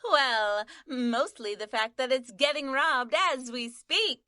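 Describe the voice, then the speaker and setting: A woman's voice: high-pitched, slow, bright, forceful tone, no room sound, clean studio sound, exaggerated voice. A woman voicing a melodramatic on-scene news reporter, narrating the action as it happens. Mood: dramatic. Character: breathless female news reporter.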